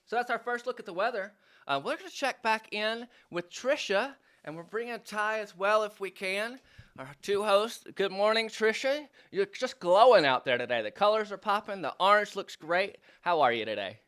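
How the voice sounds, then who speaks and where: A man's voice: sits high, animated, normal speed, fairly bright tone, clean tone. A man hosting a local morning show from a studio, chatty and upbeat, talking between bites of breakfast. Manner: chatty, eats on air, upbeat. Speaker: studio host. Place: indoor studio.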